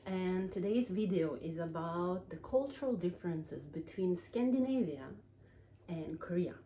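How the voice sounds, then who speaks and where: A young woman from Norway hosts a casual chat in a lowish, mellow voice, with sudden jumps up in pitch to stress her points. A faint hum runs under the recording. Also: expressive, unhurried, low-quality recording. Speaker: vlog host.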